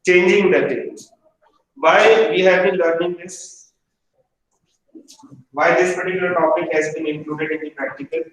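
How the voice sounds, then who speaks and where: A man's voice: sits high, fairly even intonation, moderate pace, long pauses, a bit bright. A man teaching a hotel management practical class, stern and repetitive, pressing students for answers. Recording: echoey room from far off.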